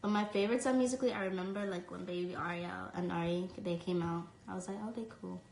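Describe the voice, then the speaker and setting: Speaking fast with vocal fry, this young woman from New York has a fairly low, steady, slightly mellow voice. She's on a live stream from her phone, casually reading out fan questions and responding in a chatty way full of "um" and "like." There's room echo and a faint hiss or hum.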